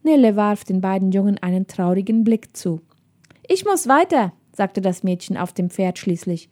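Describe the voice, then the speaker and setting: A woman reading a children's story aloud in calm, even scripted narration. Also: medium pitch, normal speed. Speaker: audiobook narrator.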